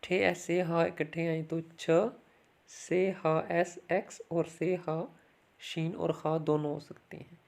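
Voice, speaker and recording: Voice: medium pitch, flat delivery, slow, creaky, darkish tone. A language teacher giving a recorded lesson, explaining sounds step by step and saying each word twice for the learner to copy.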